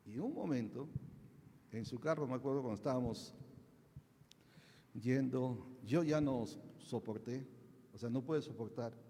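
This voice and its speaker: A male pastor giving a sermon in a relaxed, mellow voice, telling a personal story as he goes. He acts out the dialogue and keeps tagging on small questions to the congregation. His words ring with the long reverb of a large hall. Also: medium pitch, a little slow, pauses often. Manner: conversational, quotes dialogue, tag questions.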